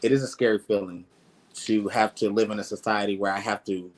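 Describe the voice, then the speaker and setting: A man's voice: lowish voice, fairly even intonation, fairly quick. A man in a casual group discussion, agreeing and then adding his own view.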